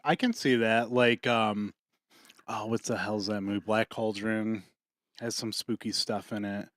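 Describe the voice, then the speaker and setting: A man co-hosting a podcast in casual chat, rambling and swearing often, with quick laughs between points. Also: fairly low pitch, steady tone, fairly bright tone, dry recording, studio quality. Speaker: podcast co-host.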